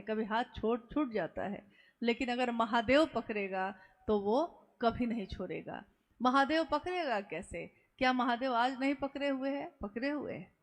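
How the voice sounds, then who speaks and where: Woman, devotional speaker, earnest, slightly high voice, repeats words for emphasis. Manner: takes questions from listeners. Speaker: spiritual speaker. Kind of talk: devotional discourse.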